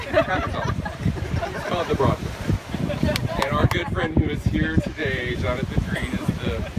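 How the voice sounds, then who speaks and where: A middle-aged man speaking his wedding vows as a groom, playfully telling stories with theatrical, deliberate pauses, outdoors on a beach. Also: medium pitch. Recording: windy outdoor recording, loud background noise. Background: loud wind and ambient noise.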